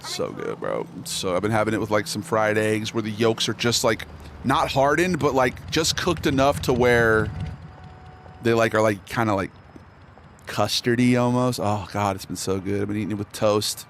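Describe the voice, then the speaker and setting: A man's voice: on the low side, animated, normal speed, creaky, fairly bright tone. A man chatting casually and laid-back while live-streaming a game. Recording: game and car noise underneath.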